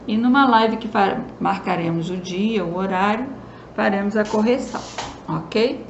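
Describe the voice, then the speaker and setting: A woman teacher with a Brazilian Southeast accent gives a remote lesson to children, explaining slowly and often checking in with a quick question. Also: medium pitch, gravelly, reverberant, lo-fi sound, a little hiss or hum.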